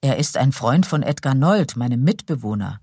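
A composed young gentleman in his late twenties, polite and restrained, as a woman narrator plays him. His voice sits low and dark, with a husky grain. It is a soft-spoken storybook reading on a dry, close recording. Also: expressive, normal speed, no echo.

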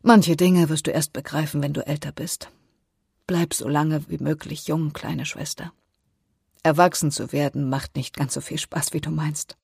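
A weary young woman speaks through tears with quiet resignation, as the audiobook reader voices her. The voice is husky with a gravelly edge. It sounds close and dry. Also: mid-range voice, fairly even intonation, normal speed, dry recording. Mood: resigned. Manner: tearful, resigned. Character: young woman, tearful weary older sister. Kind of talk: audiobook character voice.

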